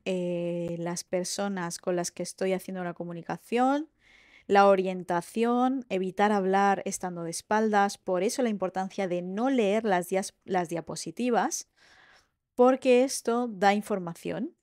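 A woman lecturer giving a recorded university lesson, explaining in a lively way and checking in with "¿vale?" and "¿sí?" as she goes. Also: mid-range voice, no echo, clean studio sound.

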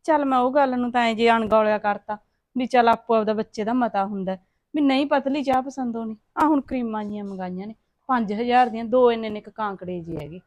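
An actress playing a forgiving middle-aged mother who calms her son, with a Punjabi accent. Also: on the high side, fast, no echo, lightly acted. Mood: complaining. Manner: soothing, calming. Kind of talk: short-film acting.

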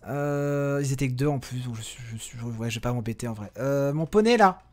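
A man's voice: medium pitch, brisk. A man giving casual let's-play commentary as a gaming video host, chatty and often correcting himself as he talks to viewers and his in-game companions. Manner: drops to a hushed voice while sneaking.

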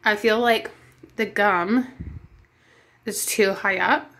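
A woman vlogging casually, her mouth swollen after dental surgery, talking with her lower lip pulled down by a finger, halting and a little muffled. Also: steady tone, fairly bright tone. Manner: halting, slightly muffled, with fillers and restarts. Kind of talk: casual vlog talk. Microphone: camera held close.

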